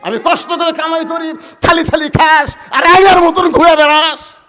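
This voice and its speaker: Man playing a stern shouting father, harsh scolding, very high strained pitch. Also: flat delivery, moderate pace. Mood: furious scolding. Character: stern angry father scolding his idle grown son.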